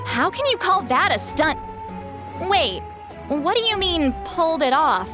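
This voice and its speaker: A woman voice actor playing a lively, excitable young female spectator in a video game. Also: high voice, unhurried, over music. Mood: incredulous.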